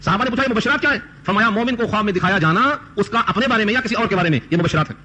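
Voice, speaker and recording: A man giving a Quran commentary lecture, reciting Arabic verses slowly and then explaining them with rhetorical questions. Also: sits high, bright, forceful tone. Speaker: Quran teacher. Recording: dull lo-fi recording with faint noise.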